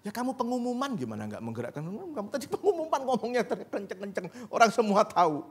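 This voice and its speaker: A man's voice: sits high, sing-song, fast talker, husky. A man preaching a sermon as pastor in a church, conversational and rising to emphatic peaks. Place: church sanctuary.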